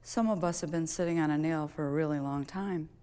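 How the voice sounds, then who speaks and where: A woman's voice: low voice, brisk, warm tone. A woman, a golf coach, giving a motivational stage talk in a conversational, storytelling way, with frequent rhetorical questions. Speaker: public speaker and golf coach. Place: stage in a large auditorium. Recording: long reverb of a large hall.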